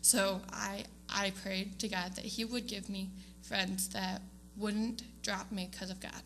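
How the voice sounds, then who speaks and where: A young woman, a student giving an award speech, addresses her congregation casually in a church sanctuary, with a faint hum under the recording. Her medium-pitched voice is bright, forward-pushing and creaky, yet flat and slow. She hesitates with many ums, restarts sentences, and laughs often.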